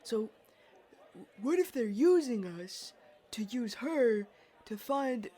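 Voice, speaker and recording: An awkward young agent in an audio drama, played by a woman, who stumbles over her words in slow, thoughtful speech. Her voice sits a little high. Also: animated, dark tone, slightly rough, exaggerated voice. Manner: hesitant, stammering, chatty.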